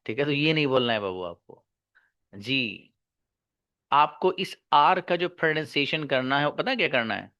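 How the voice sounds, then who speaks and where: A man teaching pronunciation in an online class, drawing out and repeating each sound slowly. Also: medium pitch, lively intonation, sharp tone, smooth, lo-fi sound. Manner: slow, drawn-out demonstration of sounds, repeating each. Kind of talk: pronunciation lesson in Hindi and English.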